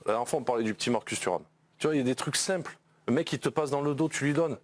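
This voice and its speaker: A man's voice: mid-range voice, rapid-fire. A man, a regular football pundit in a TV studio debate, giving blunt critical opinions with many restarts.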